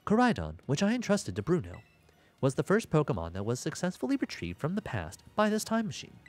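Man acting female professor, formal, emotionless, stiff flat read-aloud, video game dialogue, music behind. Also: on the high side, a little fast. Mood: formal, detached.

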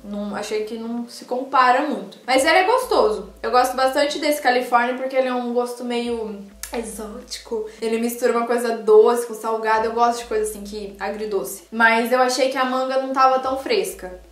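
Sitting by a sofa in a small room, a young food vlogger from Brazil samples dishes on camera and gushes directly to her audience with lots of animation. Her voice is a little high and fairly quick, and the room echoes.

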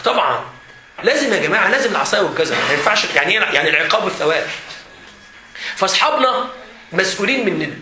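A man with an Egyptian Arabic accent leading a seminar for students as their teacher, animated and joking, often laughing as he talks. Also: high-pitched, very fast, long pauses. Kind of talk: lively seminar talk to students. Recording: echoey hall with faint background noise.

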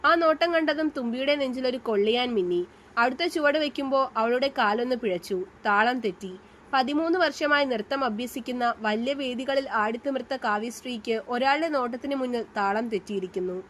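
A woman narrating a romance story as a measured, even scripted reading. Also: on the high side, a little hiss or hum.

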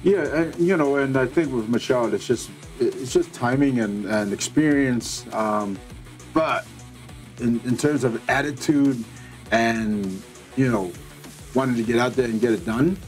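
A middle-aged man in an office, thoughtfully weighing a fighter's readiness with pauses and fillers. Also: medium pitch, faint music behind. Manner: hesitant, thoughtful, filler words. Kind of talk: discussing a fighter in a meeting.

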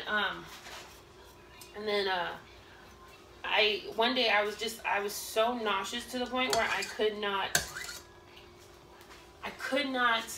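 Recorded on a camera placed across a roomy home kitchen, this woman in her thirties, a cooking vlogger, tells a casual story while she cooks, rambling with many fillers and restarts. Her voice sits at medium pitch, there's background noise, and pans clatter now and then.

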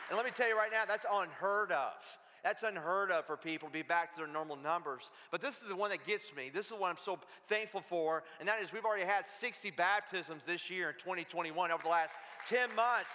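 A pastor preaching an energetic sermon in a church, calling out to the congregation for answers. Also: male voice, high voice. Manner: energetic, calls out to the congregation for responses. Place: church sanctuary. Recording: long hall reverb in a church.

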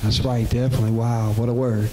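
A Southern US man hosts a talk show, chatting casually and backing up his guests with steady agreement. His mid-pitched voice carries a roomy studio echo, with a faint hiss underneath. He speaks into a handheld mic. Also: fast. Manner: affirming, says "that's right" often. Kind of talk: casual chat.

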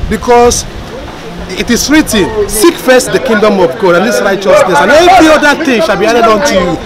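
A man's voice: high voice, expressive, a little fast, low-quality recording. Preachy Ghanaian man quoting scripture outdoors. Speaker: interviewee. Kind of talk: street interview answer. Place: outdoors on a city street. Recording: street crowd noise.

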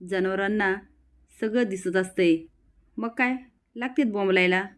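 A woman's voice: medium pitch, a little slow, close to an everyday voice. A woman voicing a blunt, indignant young village man.

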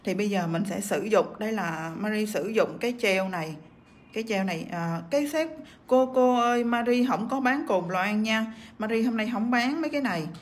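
A woman's voice: medium pitch, moderate pace. A woman with a cough teaching nail art on a livestream, chatting as she works and reading out viewer comments. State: sick with a cough.

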